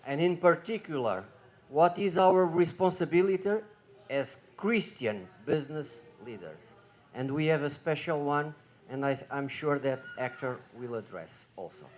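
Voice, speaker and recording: Halting slow-talking moderator, a man. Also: fairly high pitch, animated. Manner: halting, many fillers, self-correcting. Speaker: conference moderator. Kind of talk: introducing a speaker.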